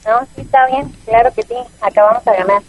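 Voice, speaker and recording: A woman's voice: on the high side, fast talker, slight background noise, poor audio. A Mexican woman in her twenties, a football player giving brief, polite answers in a phone interview. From Jalisco, Mexico. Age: 20s.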